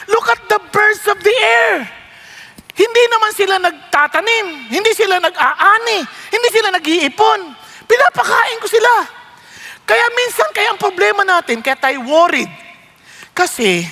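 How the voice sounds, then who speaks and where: This is a Filipino-accented male pastor with a very high, bright and forceful voice. He preaches in a lively, storytelling way and acts out characters. His voice carries a long hall reverb. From Philippines. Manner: animated, acts out quoted people with shouts and laughs. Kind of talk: sermon with storytelling.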